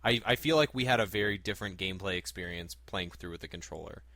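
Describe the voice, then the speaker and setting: A man hosts a casual gaming podcast with a bright, forward voice at an ordinary male pitch. The sound is dry and close, with no room around it. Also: quick pace, no echo. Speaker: podcast host.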